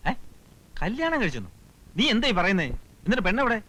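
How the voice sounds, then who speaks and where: An actor playing a quick-tempered married village man who scolds and complains indignantly. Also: sits high, wildly swooping pitch, sharp tone, heavily acted. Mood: puzzled. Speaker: film character, a family man. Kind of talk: 1990s film comedy acting.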